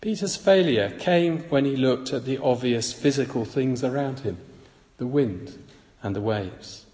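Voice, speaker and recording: A man giving a devotional Bible reflection in a measured, reflective way, recorded with an echoey hall reverb. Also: mid-range voice, mellow. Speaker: preacher.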